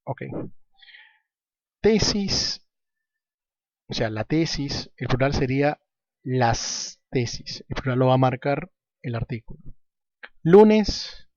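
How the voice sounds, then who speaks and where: A man's voice: mid-range voice, no room sound, highs cut off. A man teaching a recorded grammar lesson, stressing each example word as he works through exercises. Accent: Peruvian Spanish. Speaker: language teacher.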